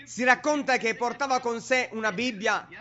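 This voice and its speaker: A man's voice: very high voice, moderate pace, sharp tone. A man preaching a sermon in an emphatic, repetitive way, on a dull lo-fi recording.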